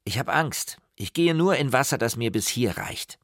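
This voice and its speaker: A man's voice: medium pitch, lively intonation, normal speed, a bit bright, no room sound, clean studio sound, voice pushed up. A man voicing a skinny, cheerful twelve-year-old boy who asks eager childlike questions in an audiobook.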